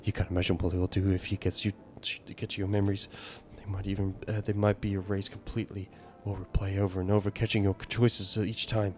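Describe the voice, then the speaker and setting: A man's voice: low-pitched, flat delivery, fast, few pauses, a little mellow, faint music behind, close to an everyday voice. A man reading a shady male paranormal consultant in a video game, ominous then politely salesy. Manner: ominous warnings slipping into customer-service politeness.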